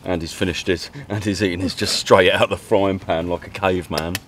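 Low-voiced bloke joking round the campfire, woods noise behind. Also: male voice, fairly even intonation, a little fast, a bit bright. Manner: jokey, teasing. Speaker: vlogger. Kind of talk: casual chat by the campfire. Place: dark woodland camp at night, outdoors.

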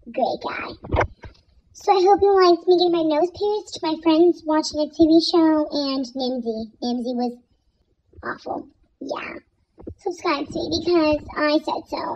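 A woman's voice: high-pitched, highs cut off, a little hiss or hum. A teenage girl vlogging in a casual, chatty and dramatic way. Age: teens. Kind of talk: casual vlog chat.

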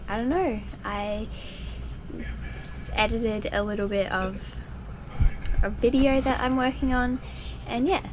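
A woman's voice: fairly high pitch, slow pace, pauses often. Teen girl vlogger, casual and giggly, talking into a handheld camera on a boat, with audible outdoor noise. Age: teens. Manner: relaxed, chatty, giggly with fillers. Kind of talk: casual vlog chat. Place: on a sailboat outdoors. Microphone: handheld camera at arm's length.

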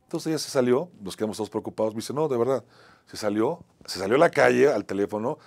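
A Mexican-accented man with a fairly low voice tells a personal story as an acting teacher. His delivery swings between a strong, projected voice and a soft, quiet one. He keeps tagging his phrases with a little question. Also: animated, quick pace, vocal fry. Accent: Mexican Spanish. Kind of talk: personal anecdote on a talk show.

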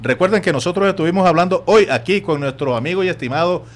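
A man with a Nicaraguan Spanish accent hosting a sports radio talk show, telling stories in an animated way and acting out other people's voices. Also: sits high, fast talker. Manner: animated storytelling, acts out quoted voices. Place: radio studio.

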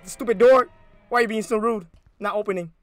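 A man's voice: sits high, fairly even intonation, a little fast, faint music behind. A man playing a horror game and commenting casually, jumpy, with yelps and nervous laughter at the scares. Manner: slangy, casual talk to himself. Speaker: gaming YouTuber.

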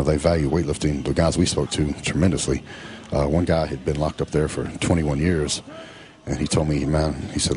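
A middle-aged man, casually narrating in a laid-back, drawn-out way full of fillers. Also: extremely low pitch, darkish tone. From Texas. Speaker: professional bodybuilder.

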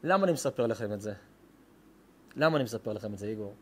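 A man, a rabbi, telling an emotional story in a sermon, with sudden swings from hushed to loud. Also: lively intonation, husky. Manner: dramatic, retells dialogue with sudden swings in loudness and pitch. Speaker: rabbi giving a lesson. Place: synagogue lesson hall.

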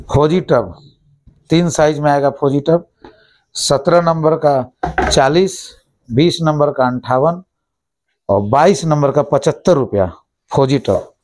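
A man in his thirties who runs a shop quickly goes over plastic goods and prices, echoing each price back. His voice is a little high with a darkish tone, captured on a lapel mic in a small indoor shop office.

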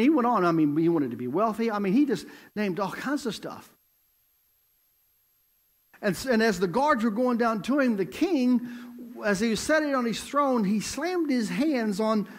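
Animated, high-voiced male evangelist. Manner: storytelling, emphatic, repetitive. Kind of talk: sermon. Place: church.

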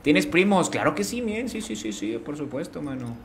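A man's voice: a little high, big pitch swings, moderate pace. Streamer guy chatting with chat while he plays, voice goes up and down a lot, little hiss behind. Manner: chatty, greets chat, slangy. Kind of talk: live game streaming commentary.

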